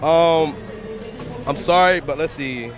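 A man's voice: on the high side, slow, music in the background. A young man answering a street interview, rowdy, laughing and swearing. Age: young adult. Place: busy street outdoors at night.

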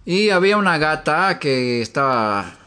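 A high-pitched man with a bright, sharp tone gives a sermon-style teaching. He asks his listeners one rhetorical question after another and slips into homely stories from his own house. He speaks from an upstairs room at home. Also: sing-song, measured pace, clean tone. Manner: asks many rhetorical questions, then tells a homely story. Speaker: preacher.

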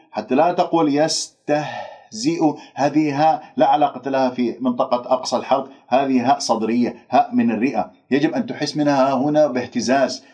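A man teaching Quran recitation. He stretches out demonstration words slowly, then explains briskly. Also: medium pitch, a little mellow, breathy edge. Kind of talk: pronunciation lesson. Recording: dull lo-fi recording.

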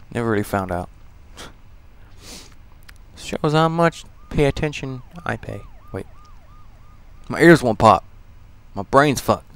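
A gamer doing a walkthrough gives casual, profane commentary in a creaky voice, joking and talking back to enemies. He swings between low mumbles and loud outbursts.

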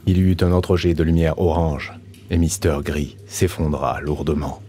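Deep male audiobook narrator, measured storytelling, faint hiss. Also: little pitch movement, dark tone.

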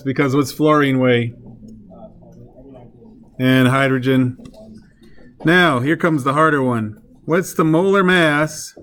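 Slow-talking male chemistry teacher. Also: medium pitch, a bit bright. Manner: questions the class, works problems step by step. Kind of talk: classroom lecture. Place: classroom.

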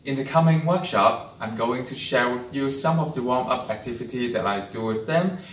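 A man with a Cantonese accent leading an online music workshop, explaining slowly and singing short melodies as examples. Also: medium pitch, a little hiss or hum. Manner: slow, careful explaining, sings short melodies. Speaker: workshop leader.

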